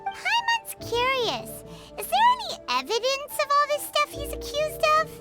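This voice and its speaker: Tiny floating game sidekick, very high squeaky voice, bouncy swooping tone, chatty and blunt, loud music behind. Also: female voice, huge pitch swings, moderate pace, exaggerated voice. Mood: curious. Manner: chatty, speaks of herself in third person. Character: small floating female companion, chirpy and blunt. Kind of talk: video game voice acting.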